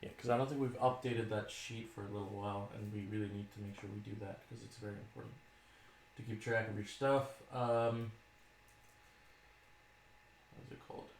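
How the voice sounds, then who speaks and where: A man's voice: lowish voice, fairly even intonation, brisk, a little hiss or hum. A man chatting casually about trades, frustrated and muttering while he eats. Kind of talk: casual chat. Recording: echoey room.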